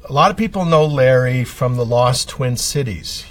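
A man's voice: medium pitch, animated, normal speed, distant mic. A man speaking as a librarian guest in a casual radio chat, hesitant with frequent ums as he lists book titles.

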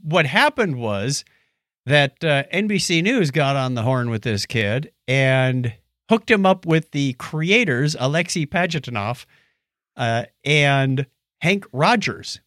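A middle-aged man hosts a casual co-hosted podcast, telling stories in an animated, playful way, acting out dialogue and humming. His voice is mid-range and slow-paced, captured in a dry, clean studio recording.

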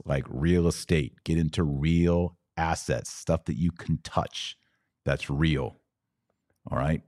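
A Texan man with a very low, darkish voice hosts a podcast-style live stream, answering comments in a casual, folksy way and hammering his points through repetition. The sound is close, dry and echo-free.

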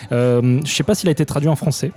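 A man interviewing a guest in a relaxed way, with short acknowledgements. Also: mid-range voice, fast, faint music behind. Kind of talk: conversational interview.

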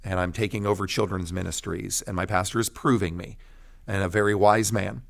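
Deep and gravelly, this pastor talks fairly quickly with fairly even intonation. The middle-aged American is sharing his testimony as an interview guest, hammering home short, repeated phrases in a preacher's emphatic style.

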